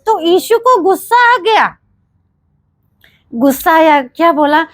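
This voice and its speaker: A woman's voice: very high voice, expressive, takes it slowly, a bit bright, no room sound. A woman preaching a sermon, often asking questions and answering them herself and repeating praise phrases. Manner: repeats "Praise the Lord", asks and answers her own questions.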